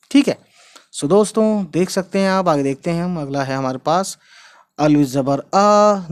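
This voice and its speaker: A man teaching a casual online language lesson, drawing out words slowly and often checking in with his listeners. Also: fairly high pitch. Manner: repeats words slowly, drawn out for pronunciation; chatty, checks in with "right?" and "guys". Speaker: Urdu teacher.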